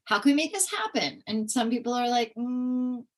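A woman guest telling lively stories from her working years, acting out the people she quotes. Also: a little high, a little fast, background noise. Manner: lively, animated, acts out quoted voices. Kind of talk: storytelling in conversation.

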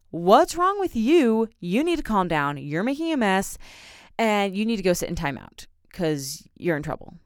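Young female podcast host, casual self-help monologue; clear, resonant, slightly low voice. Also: no room sound, studio quality. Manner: chatty, uses lots of "like".

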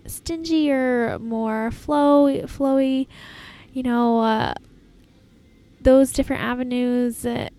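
A woman hosting a casual, reflective solo podcast in an informal, halting way, recorded in an airport terminal. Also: a little high, mellow. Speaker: podcast host. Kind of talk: casual solo podcast talk, self-help advice.

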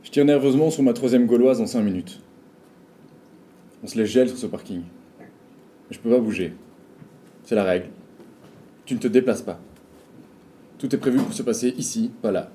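A man performs a first-person story in a theatrical, dramatic way with deliberate repetition. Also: mid-range voice, mellow, a little hiss or hum. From Belgium. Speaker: storyteller performing an autobiographical monologue.

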